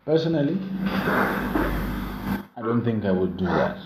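A man's voice: lowish voice, big pitch swings, a little slow. A young man in a casual podcast discussion, explaining his opinions step by step and repeating himself. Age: young adult. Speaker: podcast co-host. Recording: roomy, muffled, noisy home recording.

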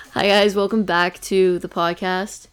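A woman's voice: medium pitch, fairly quick, faint music behind. A young woman from Canada co-hosting a podcast in casual chat, swearing and piling up fillers as she tells stories. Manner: swearing, filler-heavy, chatty storytelling. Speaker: podcast co-host.

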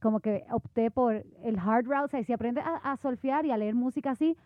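Una mujer de Puerto Rico con acento puertorriqueño, que conversa animada y entre risas, mezclando palabras en inglés. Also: female voice, on the high side, a little fast. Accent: Puerto Rican Spanish. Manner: lively, laughing, mixes in English words. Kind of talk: casual chat. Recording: phone-like, dry sound.

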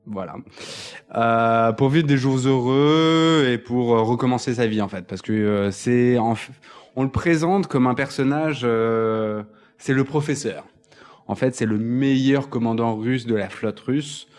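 Male co-host, mid pitch, chatty and joking, rambling plot summaries. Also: a little slow. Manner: joking, deadpan asides, rambling explanations. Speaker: podcast co-host. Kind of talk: casual film chat, partly read from notes.

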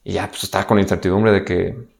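A man's voice: low-pitched, little pitch movement, quick pace, vocal fry. A young man with a Mexican accent telling a personal story in a candid, slangy way, acting out the dialogue he quotes. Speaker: guest.

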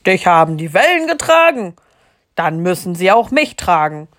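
A woman voicing a big, dumb, boastful male giant in a storybook read aloud, loud and blustering. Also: on the low side, very animated, moderate pace. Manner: loud, blustering, whining when in trouble.

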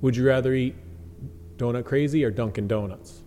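A man's voice: medium pitch, moderate pace, dark tone, faint music behind. Upbeat man in his forties hosting. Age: 40s. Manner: upbeat, reads out questions. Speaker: podcast host. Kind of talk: casual interview chat. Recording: echoey room with faint hum.

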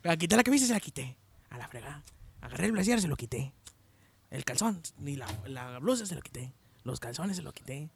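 A man telling jokes in casual chat, animated and shouting the punchlines. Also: fairly high pitch, fairly quick, gravelly, a little hiss or hum. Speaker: joke teller.

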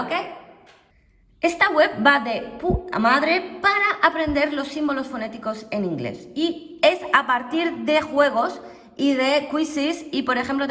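A young woman teaches English pronunciation in a relaxed, slangy way. Her voice sits high, and the echo of a roomy space trails after her words. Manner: chatty, lively, slangy. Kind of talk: casual online lesson.

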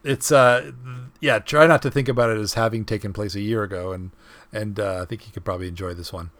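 Halting, chuckling man reviewing films. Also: lowish voice, fairly even intonation, a bit bright, dry recording. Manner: halting, many restarts and fillers, chuckles often. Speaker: podcast co-host. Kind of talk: casual film review chat.

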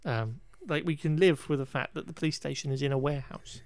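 Talking fast in a fairly high voice, a male podcaster rambles his way through a movie recap. His tone is dry and exasperated, he keeps restarting, and he swears every so often in this casual chat.

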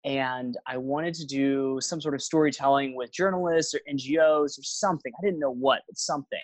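This young travel vlogger speaks briskly in a mid-range voice while casually telling stories as an interview guest. He rambles, with plenty of fillers and restarts. The recording has no room sound.

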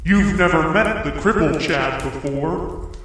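A man voicing a solemn male ghost, speaking slowly and gravely through a ghostly echo effect in a comedy audio sketch. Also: on the high side, a bit bright, slight background noise. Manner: slow, grave, portentous delivery. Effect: ghostly echo reverb. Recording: echoey, distant, long ghostly reverb. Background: music.

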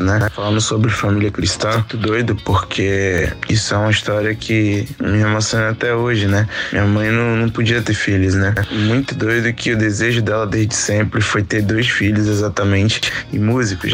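Laid-back Brazilian man, slangy and low. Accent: Brazilian Portuguese. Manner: relaxed and slangy, with frequent filler tags. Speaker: guest guitarist. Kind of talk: casual interview chat.

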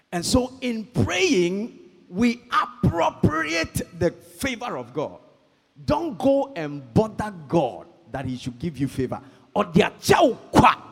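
Slow husky preacher guy, pitch swinging all over, long hall reverb. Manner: call-and-response, calls for amens; slow, emphatic, swells to shouts. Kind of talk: sermon.

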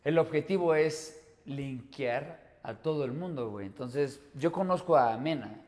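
A man's voice: on the high side, a little slow, a little mellow. A Mexican man hosting a casual podcast, talking in slang and swearing. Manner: slangy, swears, laughs easily. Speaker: podcast host. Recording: hall reverb.

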